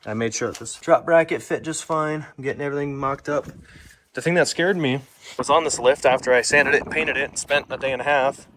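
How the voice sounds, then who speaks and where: A man's voice: mid-range voice, background noise. A young man casually narrating his truck project on a propped-up phone, rambling and self-deprecating as he works. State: out of breath at times. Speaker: DIY truck vlogger. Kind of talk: casual vlog narration while working. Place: backyard and workshop, indoors and out. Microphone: phone camera propped up nearby.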